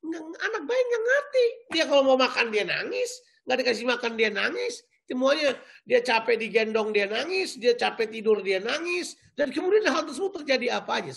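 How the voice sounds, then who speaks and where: A male pastor preaching a sermon in a lively, joking way, repeating key words back to the congregation. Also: high-pitched, gravelly.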